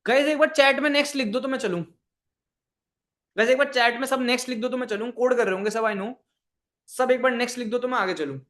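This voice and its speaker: A man with a fairly high-pitched voice runs a live online coding class. He mixes English programming terms into his Hindi. He repeats phrases and keeps quizzing his students. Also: fast, pauses often, a bit bright. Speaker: programming instructor.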